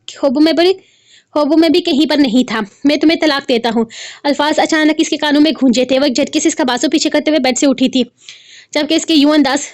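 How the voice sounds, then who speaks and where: A woman reading a romance novel aloud in a hurried way, often restarting phrases. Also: sits high. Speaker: novel reader.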